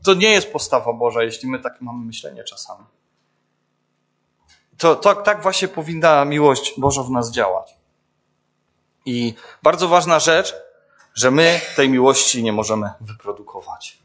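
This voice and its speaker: A man's voice: medium pitch, animated, moderate pace, long pauses, a bit bright. A young man giving an informal sermon, searching for words with many fillers and restarts, often turning to the listeners. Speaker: preacher.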